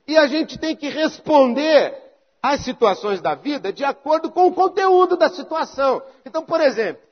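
A man's voice: extremely high pitch, big pitch swings, moderate pace, highs cut off. A pastor preaching a conversational sermon, acting out little dialogues to make his point.

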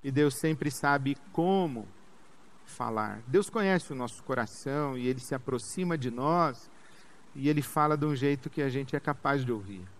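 A man's voice: medium pitch, normal speed. A man with a Brazilian Portuguese accent preaching a sermon, emphatic and repetitive, with rhetorical questions.

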